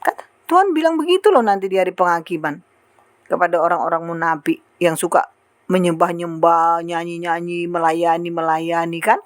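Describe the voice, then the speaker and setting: A woman preaching a sermon in an animated way, acting out the prayers and remarks she quotes. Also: on the low side, normal speed, no room sound.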